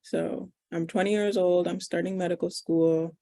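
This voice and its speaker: A woman's voice: fairly low pitch, fairly even intonation, moderate pace, dark tone. A woman in her twenties, a medical student, answering interview questions over a video call. She speaks casually, thinking aloud with fillers. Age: 20s.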